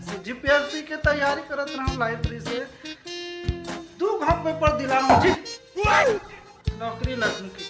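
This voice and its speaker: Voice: sits high, a little slow, pauses often. An actor playing a rambling town drunk with a Chhattisgarhi accent, repeating themselves and drifting off track in a comic mock interview. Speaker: podcast guest in a comedy sketch. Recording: echoey room, loud music over it.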